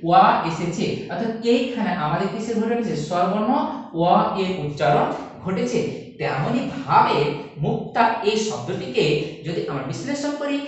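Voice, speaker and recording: A male teacher gives an online lesson at a classroom board, walking through things step by step and posing rhetorical questions. His expressive voice sits high and moves at a normal speed. The room is echoey and he's far from the mic.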